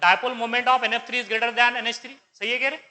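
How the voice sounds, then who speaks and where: A man with a high, very bright and sharp voice lectures on chemistry. He keeps quizzing his students, asking each question twice and answering it himself. He slips English science terms into his explanations. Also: steady tone, normal speed. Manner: quizzing students with repeated questions, calls them beta. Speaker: chemistry teacher. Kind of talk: exam paper discussion lecture.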